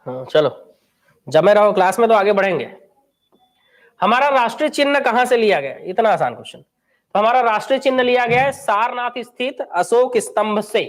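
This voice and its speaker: High-voiced Chhattisgarhi coaching teacher. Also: male voice, sing-song, moderate pace, long pauses. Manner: chatty, quizzes students and answers himself. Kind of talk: live online class lecture.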